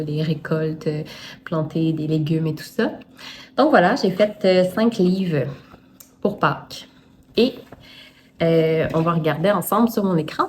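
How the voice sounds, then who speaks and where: A woman's voice: sits low, darkish tone, slight background noise. A woman with a Quebec French accent, a self-published children's book creator chatting casually to camera as she shows her books. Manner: chatty, thinks aloud, showing books to the camera. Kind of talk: casual vlog talk to camera.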